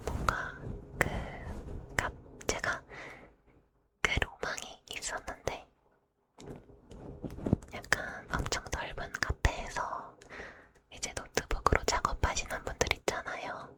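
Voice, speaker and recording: A woman ASMR host chatting casually to listeners in a soft, polite, breathy whisper. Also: slow pace, long pauses.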